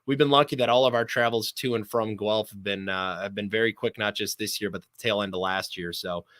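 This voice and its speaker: A male sports play-by-play announcer appears as a guest on a conversational sports podcast, talking at length in an emphatic, appreciative way. His medium-pitched voice has a bright, forward edge and a steady tone, delivered briskly with a very dry, close sound and no room sound.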